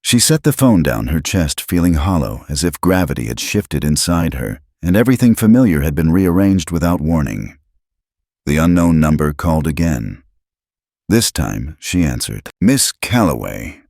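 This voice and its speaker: A man narrating a dramatic story in a steady, scripted storytelling voice. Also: extremely low pitch, moderate pace, gravelly, no echo, clean studio sound.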